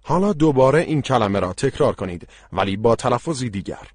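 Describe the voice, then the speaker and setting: A male language-course instructor giving scripted explanations at a slow, deliberate pace. His middle-pitched voice rises and falls with lively intonation and is slightly husky. It is recorded dry on a studio microphone. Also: dry recording.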